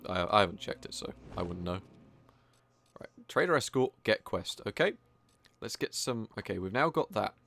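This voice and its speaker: Low-voiced male streamer, relaxed self-deprecating game commentary, faint background hiss. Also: moderate pace, vocal fry. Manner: casual, rambling, self-deprecating. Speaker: streamer playing a video game. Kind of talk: live gameplay commentary.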